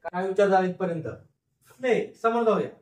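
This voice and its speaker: A man teaching a phonics lesson, sounding out English words slowly, syllable by syllable, and repeating each one. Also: high voice, lively intonation, distant mic. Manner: slow, repetitive syllable-by-syllable sounding out. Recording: echoey room, voice from off the mic.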